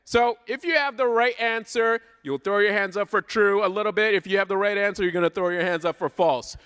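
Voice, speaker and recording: In a large church hall with long reverb, a guest preacher from Southern Ontario, Canada, gives an informal, playful sermon. His high, fairly quick voice is a bit bright and clean, and he keeps it conversational, firing questions at his listeners.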